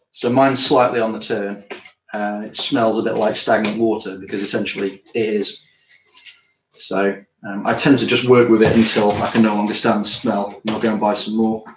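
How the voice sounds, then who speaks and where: Tired british guy thinking out loud in his art studio, roomy sound, bit of hiss. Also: lowish voice. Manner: rambling, chatty, thinking aloud. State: tired after climbing. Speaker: artist streaming live. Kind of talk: casual live-stream chat while working. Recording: roomy studio with faint noise.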